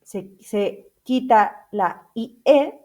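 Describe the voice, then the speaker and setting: Extremely slow and warm, with a voice on the high side, a woman leads a bilingual English grammar lesson. She spells letters out, says each example twice, and checks on her students with questions.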